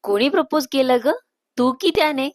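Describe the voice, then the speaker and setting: A woman's voice: sits high, moderate pace, dry recording, clean studio sound, close to an everyday voice. A woman voicing an eager, teasing younger sister. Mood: curious. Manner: eager, prying, playfully apologetic.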